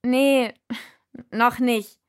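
A woman doing a young woman shouting high. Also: fairly even intonation, very slow, clean tone. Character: young woman shouting to be heard on a dance floor.

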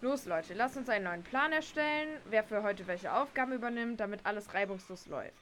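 A woman playing a self-reliant reality show contestant who rallies the group in a brisk way in an audio drama. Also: medium pitch, animated, fairly bright tone, slight background noise, natural voice. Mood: rallying. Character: self-reliant female contestant rallying the team.

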